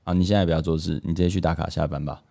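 A man, telling a story in casual podcast chat, animated and swearing freely. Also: deep voice, racing, gravelly.

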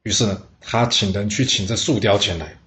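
A man telling a historical tale in an animated, chatty way, with asides to listeners. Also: fairly low pitch, brisk. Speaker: storyteller. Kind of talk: lively historical storytelling. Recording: roomy echo.

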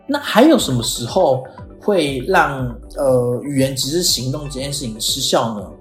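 In an explanatory podcast, the host works through an idea step by step like a relaxed lesson, often pausing on "哦" and slipping into short acted-out examples of quoted lines. The voice is middling in pitch. It sounds roomy and echoing, with faint music underneath.

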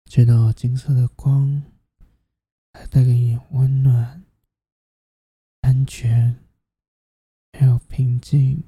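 A host narrating a guided sleep meditation like a sleep story narrator, in a soft, soothing, half-whispered delivery. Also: medium pitch, flat delivery, slow pace, pauses often, breathy edge, no echo.

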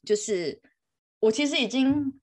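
A woman's voice: high voice, lively intonation, measured pace. A woman, a mother telling a story in casual chat, laughing often.

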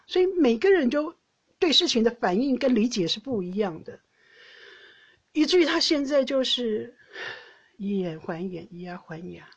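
A middle-aged woman with a Taiwanese Mandarin accent, hosting a podcast and telling personal stories in an emotional, animated way. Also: mid-range voice, husky, lo-fi sound. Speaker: podcast host. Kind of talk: casual personal storytelling.

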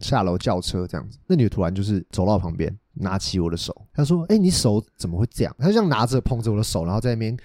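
A man's voice: fairly low pitch, rapid-fire, few pauses, no room sound, studio quality. A young man, co-hosting a podcast in casual chat and telling stories animatedly, acting out the lines of the people in them. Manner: animated storytelling, acts out quotes. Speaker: podcast co-host.

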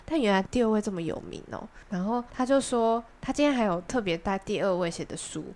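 Young female podcast co-host with a Taiwanese Mandarin accent; mid-pitched, chatty storyteller. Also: fast. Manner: chatty, animated anecdote telling with quoted dialogue. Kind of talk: casual chat, storytelling.

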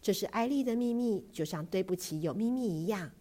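A woman voicing a gentle, patient mother who coaxes softly and sometimes hushes to a whisper. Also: medium pitch, animated, fairly quick, close to an everyday voice. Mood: hushed. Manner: soft, coaxing, hushed at times.

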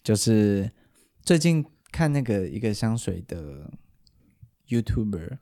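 A man's voice: fairly low pitch, sing-song, slow, warm tone. A man with a Taiwanese Mandarin accent, a podcast host in casual chat who explains at length and often restarts his sentences.

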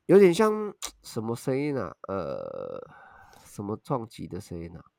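A man, co-hosting a podcast and telling a spooky personal story in casual chat, animated and using crude slang. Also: on the low side, unhurried, vocal fry, dry recording, clean studio sound. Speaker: podcast co-host.

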